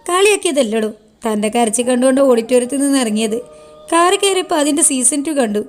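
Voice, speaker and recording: A woman's voice: high voice, lively intonation, quick pace, faint music behind. A woman voicing a teasing, easygoing young man in a spoken love story, chatting in a playful, bantering way.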